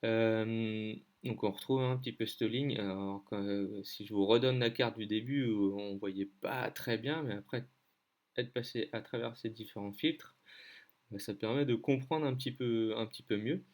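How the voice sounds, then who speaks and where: A man from France tutors casually on weather maps through a screen share, hesitating and thinking aloud with lots of fillers. He speaks at a normal speed in a fairly low, slightly mellow voice.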